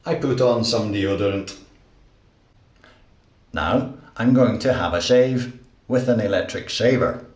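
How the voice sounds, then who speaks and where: A man teaching English, slowly narrating everyday actions in a clear, deliberate way. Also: fairly low pitch, a little mellow, echoey room. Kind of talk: slow, simple narration of daily actions.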